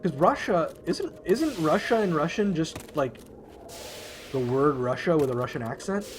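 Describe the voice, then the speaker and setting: A man's voice: fairly high pitch, very animated, normal speed. Laid-back man streaming a game. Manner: laid-back, chatting with viewers while playing. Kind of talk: casual gameplay commentary. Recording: loud game noise behind the voice. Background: loud game sounds.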